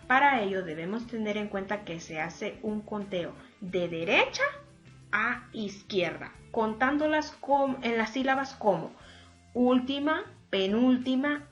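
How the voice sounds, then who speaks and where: Slow, careful woman teacher with a slightly high voice; dull lo-fi audio, faint music behind. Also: fairly bright tone. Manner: slow, deliberate, syllable by syllable, addresses students formally. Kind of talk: remote lesson on spelling and accents.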